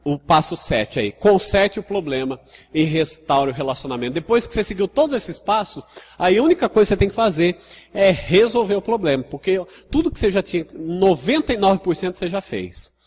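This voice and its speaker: A man's voice: high-pitched, animated, brisk, darkish tone, slight background noise. A man with a Brazilian Portuguese accent, a pastor preaching a conversational sermon who keeps checking in with the congregation. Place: church hall. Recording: church hall reverb.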